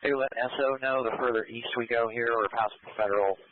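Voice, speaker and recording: A man's voice: mid-range voice, fairly even intonation, fast, no room sound. Man talking over a police radio. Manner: terse and matter-of-fact, using radio codes. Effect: heard over a police radio. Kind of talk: clipped radio traffic. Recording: tinny scanner radio with faint static.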